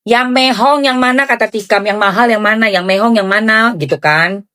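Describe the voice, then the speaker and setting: A woman giving excited, gushing reaction commentary on celebrity gossip in chatty slang. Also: fairly high pitch, normal speed.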